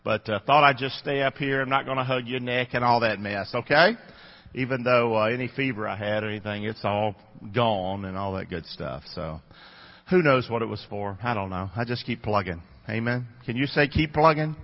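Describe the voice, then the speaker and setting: A Southern-accented pastor from North Carolina, in his 50s, delivers a chatty, folksy sermon, addressing the congregation directly. He speaks at medium pitch and normal speed, and the sanctuary recording sounds dull with long reverb.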